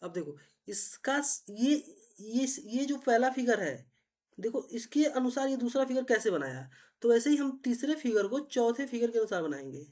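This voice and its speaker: A woman teacher, patiently explaining reasoning puzzles step by step and often asking if it is clear. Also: on the high side, sing-song, normal speed, a little mellow. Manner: patient, repetitive, checks understanding often.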